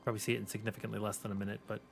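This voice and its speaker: A man's voice: lowish voice, little pitch movement, rapid-fire, gravelly, soft background music. A man giving casual, slangy gameplay commentary as a chatty game streamer.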